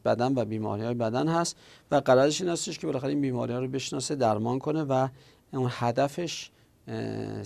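A man teaching a lecture, explaining slowly and deliberately with frequent hesitations. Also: medium pitch, creaky, darkish tone. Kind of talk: recorded classroom lecture. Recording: audio from a lecture recording.

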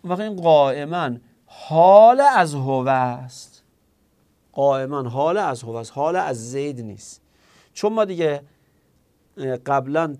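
A man's voice: medium pitch, darkish tone. A man teaching a grammar class, explaining step by step, asking himself questions and answering them, and speaking directly to his students.

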